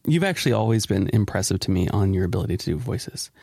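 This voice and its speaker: A middle-aged man hosting a casual podcast chat, playful and quick to laugh, close to the mic. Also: low-pitched, lively intonation, vocal fry, darkish tone, breathy edge, dry recording. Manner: playful, laughs often, teasing. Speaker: podcast host. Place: at home, late at night.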